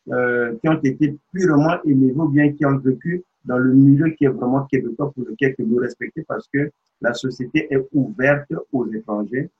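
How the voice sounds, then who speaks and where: A man's voice: mid-range voice, slightly rough, dull audio. A man hosting an interview, explaining things and addressing the viewer. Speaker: interview host.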